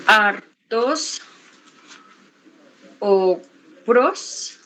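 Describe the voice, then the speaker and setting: A woman's voice: mid-range voice, lively intonation, fairly bright tone, a little hiss or hum, rough recording. A woman student reading vocabulary aloud in class, hesitant and sounding out each word. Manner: slow, hesitant, sounding out words.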